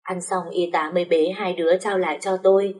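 Brief: woman storyteller, lower voice, steady first-person narration. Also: brisk.

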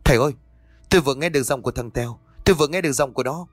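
A man's voice: on the high side, fast talker, no room sound, soft background music, close to an everyday voice. A man voicing a grieving middle-aged village mother who pleads and sobs in despair. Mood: anguished. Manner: sobbing, pleading, breathless.

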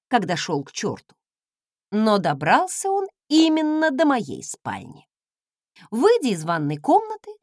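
A woman reading a first-person audiobook, with expressive, ironic storytelling. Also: high-pitched, no room sound, studio quality. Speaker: audiobook narrator.

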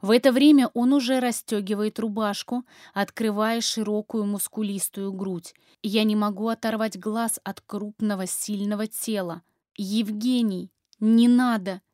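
Casting: woman audiobook reader, mid pitch, expressive first-person narration, dry close recording. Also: normal speed, few pauses, no room sound.

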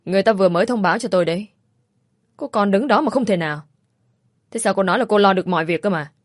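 A woman's voice: mid-range voice, fast talker, no echo, clean studio sound, natural voice. A woman voicing a stressed young husband who snaps in a rush. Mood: angry.

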